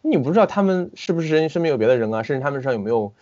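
A man's voice: mid-range voice, rapid-fire, dull audio. A man, a film director being interviewed, talking casually and animatedly over an internet call, often restarting his sentences. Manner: animated, with frequent restarts and hesitations. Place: at home in the city.

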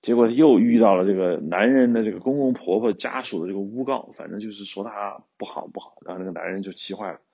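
Talking fast with hardly any pauses, this man has a husky voice on the low side, captured in a muffled recording. A screenwriter-director who hosts a podcast, he offers casual storytelling commentary, retelling an old tale loosely and restarting often.

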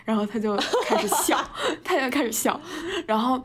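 A woman's voice: fairly high pitch, lively intonation, normal speed, breathy edge. A Chinese woman, chatting as a podcast co-host, laughing often, padding her talk with fillers and mixing in English words. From China. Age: 20s. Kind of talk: casual storytelling chat.

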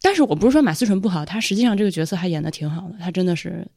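A woman's voice: lowish voice, racing, creaky, mellow, no echo, studio quality. A woman co-hosting a podcast, chatting casually and opinionated, laughing easily. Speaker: podcast co-host. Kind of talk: casual chat.

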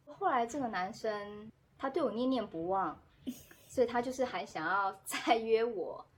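A woman, a podcast guest telling a story in casual chat, animated and quick to act out what people said. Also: a little high, a little hiss or hum. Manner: animated, acts out quoted dialogue, laughs often.

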